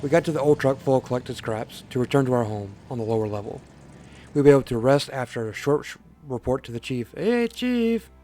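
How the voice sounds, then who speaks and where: Mellow-voiced man reading a game aloud. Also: medium pitch, fast, soft background music. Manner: reads game text aloud in a plain voice, with joking asides. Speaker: let's play host. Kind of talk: casual game reading commentary.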